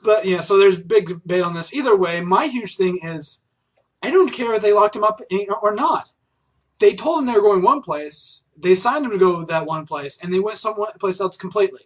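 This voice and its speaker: A man's voice: high voice, expressive, normal speed. A man with a Texan accent co-hosting a casual podcast, telling news stories hesitantly with lots of fillers. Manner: hesitant, filler-heavy storytelling. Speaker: podcast co-host.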